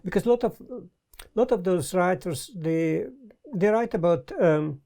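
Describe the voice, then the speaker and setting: An older man with a Hungarian accent, talking in a thoughtful, halting way with many pauses, interviewed in a book-lined study on a lapel mic. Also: sits high, vocal fry, mellow. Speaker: guest. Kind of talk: casual conversation. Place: study lined with bookshelves, indoors.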